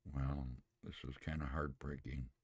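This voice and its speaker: A man hosting a podcast, reading a story aloud in a plain, unhurried way with homely asides. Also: a bass voice, flat delivery, darkish tone, breathy edge, dry recording, clean studio sound. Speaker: podcast host.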